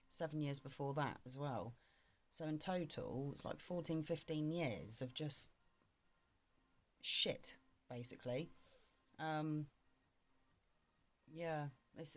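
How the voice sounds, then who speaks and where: A woman in her thirties recording a frank personal video diary, tired and drained, talking in a halting way with many pauses. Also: sits low. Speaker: vlogger.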